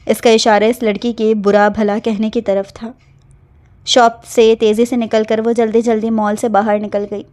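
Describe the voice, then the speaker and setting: A woman reads an emotional romance novel aloud. Her voice is slightly high yet soft and mellow. She narrates in a smooth, even storytelling manner. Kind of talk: novel reading.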